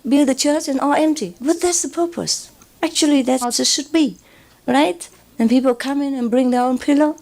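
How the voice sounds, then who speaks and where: Against background noise, a woman speaks in a high voice with a Vietnamese accent, delivering a loose spiritual talk as a teacher. She wanders from point to point, keeps asking "you know" and "huh?", and laughs softly throughout.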